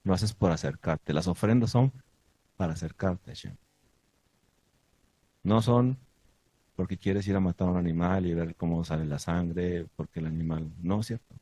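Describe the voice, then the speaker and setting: A man's voice: sits low, normal speed, pauses often, husky, no echo. Man preaching with many questions. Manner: asks the audience many questions; lively, emphatic preaching. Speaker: teacher of a congregation. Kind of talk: sermon.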